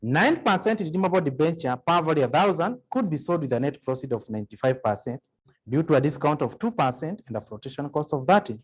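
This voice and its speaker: Husky man tutoring exam sums. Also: fairly high pitch. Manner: works sums aloud, asks the class questions. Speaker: accounting tutor. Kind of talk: exam revision lecture.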